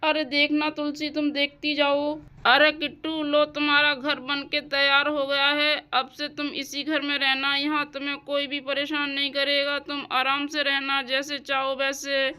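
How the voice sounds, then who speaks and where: Woman playing a reassuring doll-story father, bright, even-toned, soothing. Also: sits high, a little slow, hardly any pauses. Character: calm indulgent father, Kittu's papa.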